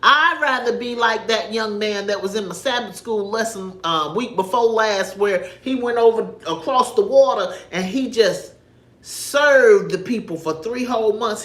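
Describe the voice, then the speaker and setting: A woman, talking casually about faith on a livestream, animated and emphatic like a storyteller. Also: medium pitch, echoey room. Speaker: livestream host. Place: home livestream in an echoey room.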